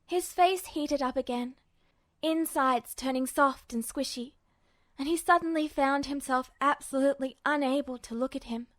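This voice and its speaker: A podfic narrator, a woman with a high, fairly bright voice, reads fiction from a script at normal speed. The very dry recording has no echo and sounds like a story read aloud for listeners.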